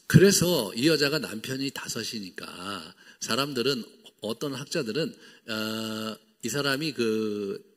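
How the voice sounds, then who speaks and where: A man's voice: mid-range voice, breathy edge, in a large hall. A male pastor preaching a sermon. He talks animatedly, acts out the dialogue in playful voices and uses lots of fillers. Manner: lots of fillers, wide swings in loudness. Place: church sanctuary.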